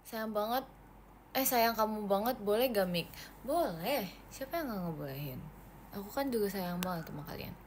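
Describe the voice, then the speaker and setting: A woman's voice: mid-range voice, lively intonation, normal speed, slight background noise. A young woman chatting casually on a livestream, reading viewer comments aloud in a playful, giggly way.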